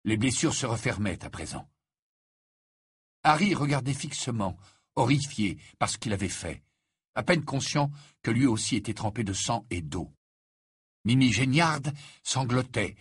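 A man narrating a novel with husky texture and a lively, expressive pitch. The recording is dry and close. His reading is dramatic. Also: no room sound. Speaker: audiobook narrator. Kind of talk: scripted narration.

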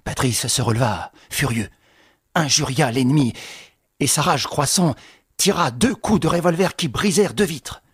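A man's voice: a little high, moderate pace, husky, no room sound, clean studio sound. A man reading a novel aloud in a dramatic audiobook style, lifting his voice with the action. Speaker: narrator.

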